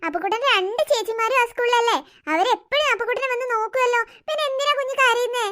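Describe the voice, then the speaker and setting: A woman's voice: very high-pitched, fast talker, pushed and bright. A woman voicing a fussy cartoon mother of three who scolds and coaxes her children. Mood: coaxing. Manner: scolding, nagging, coaxing. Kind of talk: cartoon voice acting.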